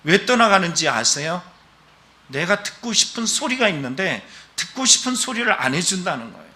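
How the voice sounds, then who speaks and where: A man's voice: high-pitched, sing-song, normal speed, pushed and bright. A man pastor preaching a Sunday sermon in church, emphatic and exhorting, asking the congregation question after question. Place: church during a worship service.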